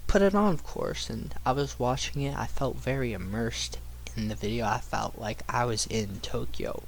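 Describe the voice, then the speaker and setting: A young man tells a casual anecdote in a mid-pitched voice. His delivery is rambling and full of slang and swearing. There is faint noise behind him. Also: moderate pace, vocal fry, poor audio. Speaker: storyteller.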